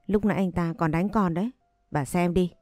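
A woman's voice: lowish voice, brisk, no echo, clean studio sound, faint music behind, lightly acted. A woman voicing a spoiled bullying young man. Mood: whiny. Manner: harsh, contemptuous shouting.

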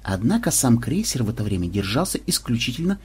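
Мужчина-чтец с хрипотцой. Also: male voice, medium pitch, big pitch swings, fast talker, a little mellow, slightly rough. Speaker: audiobook reader. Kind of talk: scripted narration.

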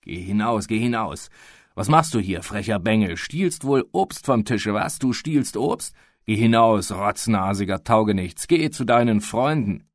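A man doing a corpulent gentleman in a radio play, hushed and oily at first, then shouting in a temper. The voice sits low and the room is dry, with no echo. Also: sing-song, takes it slowly, gravelly, heavily acted. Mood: furious shouting. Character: portly middle-aged male official, creepy, wheedling then furious.

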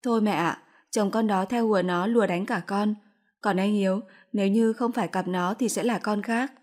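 A woman voicing a hurt young wife, soft and sad, in a storybook reading. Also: mid-range voice, steady tone, normal speed, natural voice.

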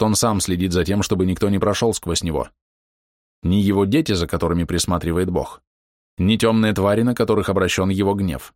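A man giving steady, measured first-person narration of a fantasy audiobook. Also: sits low, no room sound, studio quality.

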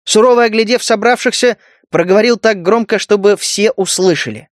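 A man narrating an audiobook in an even storytelling manner. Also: high-pitched, fairly quick, dry recording, studio quality.

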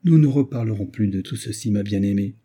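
A man reading the part of an earnest young husband, soothing and gentle. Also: on the low side, fairly quick, slightly rough.

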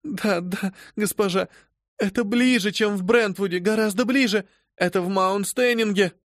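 A man's voice: high voice, normal speed, no room sound, studio quality, pitched above the performer's own voice, lightly acted. A man voicing a frantic, tearful young female servant who pleads breathlessly in an audiobook reading. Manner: breathless, sobbing pleas.

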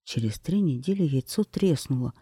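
Mellow male storybook narrator. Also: medium pitch, moderate pace, slightly rough, no room sound, clean studio sound. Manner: gentle, expressive fairy-tale telling. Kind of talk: storybook reading.

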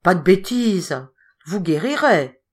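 Woman reading as a brisk, dismissive expedition man. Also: high voice, big pitch swings, husky, full character voice. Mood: reassuring. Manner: brisk and reassuring.

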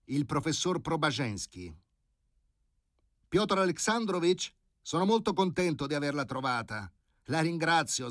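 A man reading aloud plays an imperious aging surgeon who talks down to everyone with icy, scornful courtesy. The voice sits high and swings widely, loud and pointed. The recording is close and dry. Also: no echo. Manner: haughty, scornfully polite, booming outbursts. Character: indignant aging male professor, imperious surgeon. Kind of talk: audiobook character reading.

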